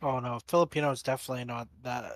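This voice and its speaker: A man's voice: mid-range voice, steady tone, very fast, no room sound. Blunt Canadian man, dry close sound. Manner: blunt, playful, laughs along. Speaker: co-host. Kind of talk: live reaction banter.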